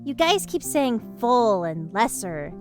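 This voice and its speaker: A man voicing an excitable young woman adventurer in an audiobook, eager and full of chattering questions. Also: sits high, slow pace, over music, voice pushed up, full character voice. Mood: curious. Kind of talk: audiobook character voice.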